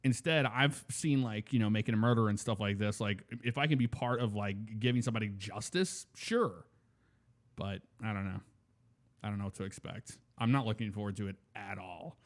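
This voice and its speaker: A man's voice: lowish voice, moderate pace. A man co-hosting a podcast in casual chat, telling rambling stories full of fillers and restarts. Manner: rambling, filler-heavy storytelling. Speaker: podcast co-host.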